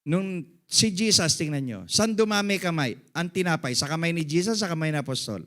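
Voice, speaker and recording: Man, middle-aged, pastor, church sermon, fairly high voice, shifts from soft asides to loud emphasis, English phrases mixed in. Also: expressive, brisk. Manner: calls out "Amen?" to the congregation; swings between quiet, low asides and loud, high-pitched emphasis. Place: church service.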